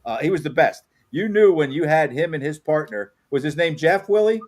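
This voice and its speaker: A man in his fifties hosts a relaxed interview, rambling through anecdotes and laughing as he goes. His voice sits a little high for a man. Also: fairly quick. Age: 50s. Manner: chatty storyteller, laughs often. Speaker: host. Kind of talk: casual interview chat.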